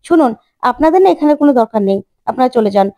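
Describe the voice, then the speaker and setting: A woman's voice: sits high, lively intonation, racing, warm tone. A woman voicing a hostile middle-aged uncle who blames the mother, in a retold serial. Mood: accusing. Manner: accusing, scornful.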